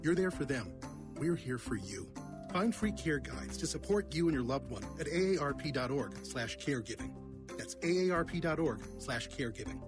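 A man's voice: a little high, sing-song, normal speed. A man narrating a public service announcement in a scripted announcer style. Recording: music behind the voice.

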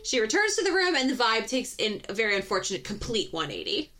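A young woman chatting on a podcast, her voice bright and ringing, her pitch leaping around as she gushes. She giggles often and leans on "like" between phrases. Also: big pitch swings, fast. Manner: gushing, giggly, many "like" fillers. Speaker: podcast co-host. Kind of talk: casual chat.

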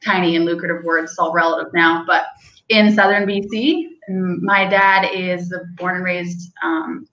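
Her voice sits on the low side, a bit bright, with fairly even intonation at a normal speed. She's a young Canadian woman, a hunting guide and outfitter, rambling through stories in a casual interview with frequent "like"s and light laughter. The audio is lo-fi and roomy.

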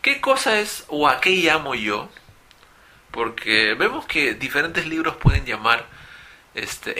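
A man's voice: medium pitch, sharp tone, slight background noise. A man teaching an English grammar lesson, explaining and repeating example phrases.

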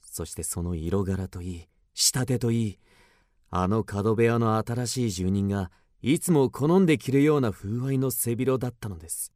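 A man's voice: fairly low pitch, normal speed, darkish tone, dry recording, clean studio sound, close to an everyday voice. An actor playing an agitated, obsessed man recounting an eerie mystery in dramatic radio drama narration, with theatrical swings. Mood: determined, tense. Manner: suspenseful, theatrical, with sudden swings.

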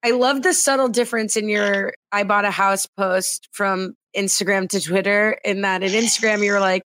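A woman's voice: mid-range voice, fairly even intonation, normal speed, fairly bright tone, dry recording. A woman co-hosting a casual podcast, chatty and teasing, often laughing. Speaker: podcast co-host.

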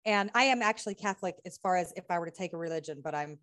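A woman's voice: on the low side, fairly bright tone. Earnest american-raised woman healer on an interview, rattles off lists, laughs a lot. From United States. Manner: earnest, lists questions in rapid runs, laughs often. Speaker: guest, healing practitioner and author. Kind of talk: conversational interview.

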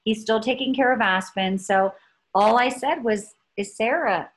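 Chatty rambling woman, fairly high voice. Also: a little slow, poor audio. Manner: chatty, rambling storyteller with many restarts. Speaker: podcast co-host. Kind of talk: casual chat.

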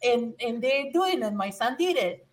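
A middle-aged Mexican woman, a former adult learner, shares her own story as a podcast guest, her slightly high voice animated and her pace normal. She speaks earnestly and emphatically, often restarting sentences and repeating words, and is recorded from a distance.

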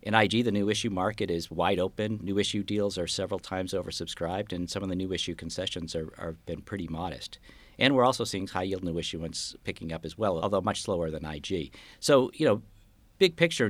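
A man giving analytical market outlook commentary in an interview, explaining his views in a measured way as a guest strategist. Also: deep voice, no echo.

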